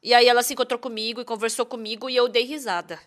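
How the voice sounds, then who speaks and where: A woman interpreting a sermon in a lively way, full of rhetorical questions. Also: fairly high pitch, very fast.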